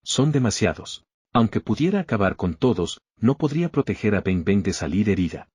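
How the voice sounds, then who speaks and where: Zhou, a man reading a calm young fighter. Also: fairly low pitch, fairly quick, slightly rough, dry recording. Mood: serious.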